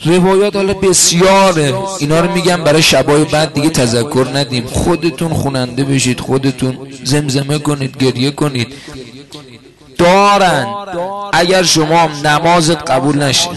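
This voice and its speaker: High-pitched guy preaching a mourning sermon, goes from calm explaining to loud wailing cries, crowd noise behind him. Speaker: religious preacher at a mourning gathering.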